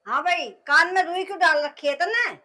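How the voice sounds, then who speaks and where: A woman's voice: extremely high pitch, brisk, bright, forceful tone. An actress playing a middle-aged village mother, scolding and calling after her son. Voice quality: nagging, calling out. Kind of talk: rural comedy film acting.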